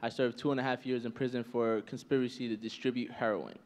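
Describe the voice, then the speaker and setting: A man in his twenties telling his life story as a panel guest, earnest and steady with frequent "um"s. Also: medium pitch, quick pace, long reverb tail. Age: 20s.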